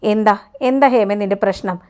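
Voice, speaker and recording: Woman voicing a strict old teacher guy, lecturing, clear smooth voice. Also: medium pitch, normal speed, a little mellow, close to an everyday voice. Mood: scolding. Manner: stern, lecturing. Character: stern older male teacher, scolding.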